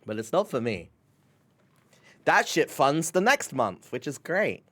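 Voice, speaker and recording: A man's voice: a little high, big pitch swings, unhurried, fairly bright tone. A young man chatting casually on his live stream, rambling with lots of "like" and "bro", laughing and swearing often.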